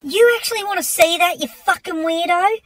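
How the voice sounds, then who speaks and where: A man's voice: extremely high pitch, brisk, a bit bright, no room sound, studio quality, far from the mic. A man playing an exasperated, fed-up young man in a comedy skit, scolding and swearing.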